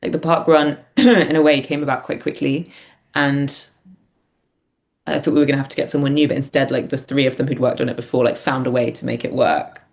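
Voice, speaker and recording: Speaking with a bass voice and vocal fry, this theatre writer and performer talks briskly with fairly even intonation. She's an interview guest in a casual conversation, informal and hesitant, regularly slipping in "like."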